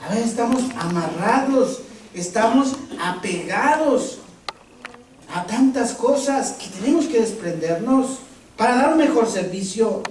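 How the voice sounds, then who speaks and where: A man, a priest giving a retreat sermon with animated storytelling and rhetorical questions. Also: very high voice, a little slow. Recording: distant mic, strong hall echo, faint noise.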